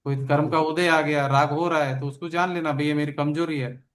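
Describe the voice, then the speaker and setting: Higher-voiced man teaching, emphatic and repetitive. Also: fairly even intonation, fairly quick, a bit bright. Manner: emphatic, repeats phrases over and over. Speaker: religious teacher. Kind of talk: explaining a text in an online study session.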